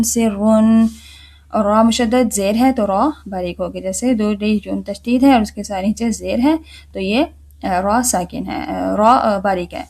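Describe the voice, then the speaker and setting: A woman teaching a recitation lesson, asking herself questions and answering them, and repeating key words slowly for the listener. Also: fairly high pitch, a little mellow. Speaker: tajweed teacher. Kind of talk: explanatory lesson with repetition.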